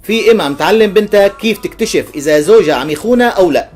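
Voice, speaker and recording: A man with a Levantine Arabic accent tells short jokes in a playful storytelling way. His voice sits high for a man. Faint instrumental music plays underneath. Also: expressive, very fast, a little mellow. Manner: playful storyteller who laughs at his punchlines. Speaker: joke teller. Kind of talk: telling jokes for a video.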